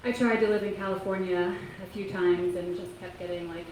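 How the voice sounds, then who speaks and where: The speaker is an author in her thirties from Kentucky, talking informally to a library audience. Her pitch is fairly low and her tone steady, but her delivery is soft-spoken and halting, broken by pauses and ums. The recording comes from an echoey public library meeting room with faint noise.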